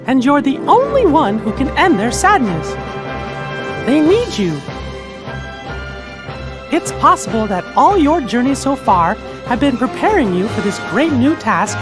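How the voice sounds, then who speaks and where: A man voicing a small, plucky cartoon mouse hero in a squeaky falsetto for a video game cutscene. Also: exaggerated voice. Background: background music.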